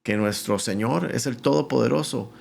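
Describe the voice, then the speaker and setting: A middle-aged pastor with a gravelly, mid-range voice speaks at a normal pace as a podcast guest, giving his personal testimony. He's an animated storyteller who acts out the voices of the people in his life story.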